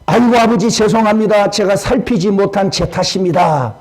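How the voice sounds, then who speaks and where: A male pastor voicing a grown son who is quick to apologize and quick to talk back. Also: sits high, a little mellow, rough recording. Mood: apologetic. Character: young adult son, hasty and defensive.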